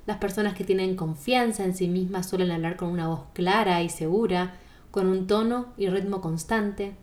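A woman with a Rioplatense Spanish accent teaches singing in a podcast monologue. Her voice sits at a middle pitch for a woman. She explains things calmly and speaks straight to the listener. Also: normal speed.

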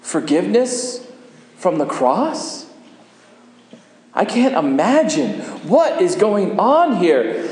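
A man's voice: sits high, wildly swooping pitch, a little mellow, exaggerated voice. A man playing a humble repentant criminal in an echoing hall. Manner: earnest, slow and deliberate. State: short of breath. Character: repentant crucified male criminal, humble and hopeful. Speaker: dramatic monologue performer. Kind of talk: first-person dramatic monologue. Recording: echoey hall with long reverb.

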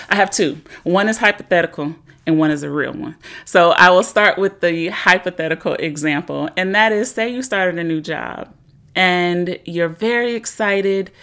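A young woman with a slightly low voice talks through self-help ideas in an earnest, conversational way. She sometimes slips into the anxious inner voice she is describing, then comes back to plain explanation. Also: fairly bright tone. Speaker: podcast host. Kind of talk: casual self-help talk.

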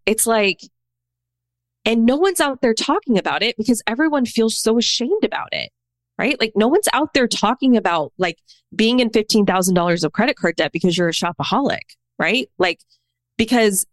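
This podcast guest, a woman in her thirties, has a slightly high, expressive voice and keeps a moderate pace. She storytells openly and casually, often dropping in "like" and "right?", over a dry recording.

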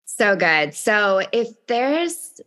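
A woman's voice: mid-range voice, very animated, drawn-out words, a bit bright. A woman hosting a podcast conversation, speaking earnestly with frequent "like" fillers and easy laughter. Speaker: podcast host. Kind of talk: casual conversational interview.

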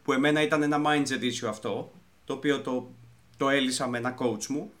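Male podcast co-host, mid-pitched voice, halting with frequent restarts. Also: fairly even intonation. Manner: halting, restarts words, mixes in English terms. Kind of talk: casual podcast chat.

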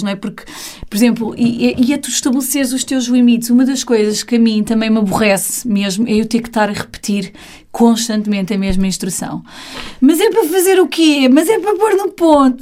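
A woman teacher with a European Portuguese accent talks in a casual conversation. Her voice sits fairly high for a woman. She speaks animatedly and slips into the voices of children and adults as she explains. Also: a little mellow.

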